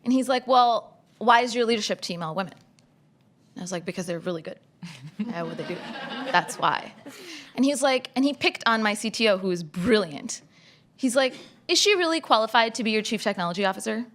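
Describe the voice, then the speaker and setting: Young woman from saudi arabia on a panel, lively, acts out what people said, table mic. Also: a little high, brisk, a little hiss or hum. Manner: animated, gesturing, quotes others in lively voices. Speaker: panelist, startup founder. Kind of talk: panel discussion. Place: stage at a panel event, indoors. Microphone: table mic on a stand.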